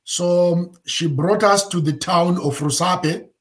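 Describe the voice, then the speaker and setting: Zimbabwe-born pastor in his fifties, slightly high voice, halting storyteller with many fillers. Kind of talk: interview storytelling.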